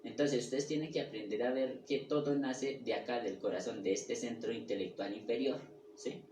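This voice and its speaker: A man giving a spiritual lecture, halting and restarting as he goes and checking in often with his listeners. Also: medium pitch, steady tone. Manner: halting, with restarts and repeated words. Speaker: spiritual teacher. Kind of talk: lecture on the ego and personality. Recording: echoey room, mic far off, faint ambient noise.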